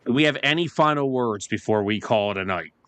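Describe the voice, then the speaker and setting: A man's voice: mid-range voice, animated, a little fast, a bit bright. A man hosting a casual sports talk radio show, joking and rambling through his takes and sign-off.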